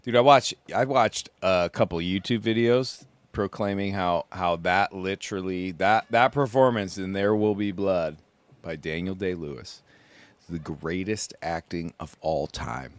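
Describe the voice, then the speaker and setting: A sleep-deprived man rambles groggily to his recorder, unhurried and meandering. His voice is smooth and clear. The sound is close and dry. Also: low voice, no echo. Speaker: podcast host, solo sailor. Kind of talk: casual self-recorded monologue. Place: small sailboat at sea.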